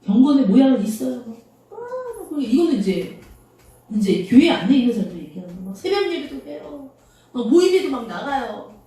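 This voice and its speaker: A woman's voice: on the high side, mellow. A woman pastor preaching a sermon in a small church, talking conversationally and asking the congregation rhetorical questions. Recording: very echoey room, voice from far off.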